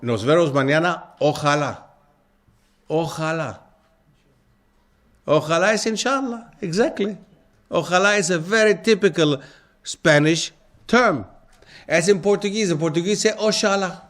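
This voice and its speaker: Speaking at a moderate pace, a man with a high-pitched, animated, somewhat bright voice leads an interactive lecture hall session for a live audience. He quizzes the listeners with frequent questions.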